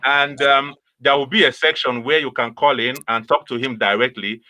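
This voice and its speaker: A young man with a medium-pitched, bright and forceful voice hosts a casual video-call interview from a small room with a red wall. His intonation stays fairly even at a moderate pace as he laughs and asks plain, friendly questions, picked up by his webcam mic.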